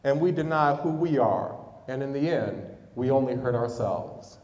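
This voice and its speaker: A man's voice: mid-range voice, animated, normal speed, darkish tone. A middle-aged man who is a pastor, preaching a sermon and telling stories to his congregation. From United States. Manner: storytelling preacher, speaks to the congregation with chuckles. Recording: long hall reverb.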